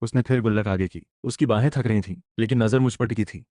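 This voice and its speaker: A man's voice: fairly low pitch, fast talker, dark tone, dry recording, clean studio sound. A man narrating a comic story in the first person, retelling it with emotion.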